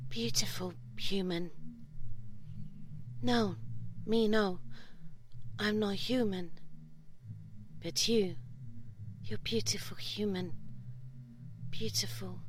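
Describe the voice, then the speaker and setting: In an intimate audio roleplay, a woman voices a seductive, curious slime creature, speaking halting broken English in short, soft fragments and often whispering. Her mid-range voice sounds tender and reassuring, with a little hiss or hum present.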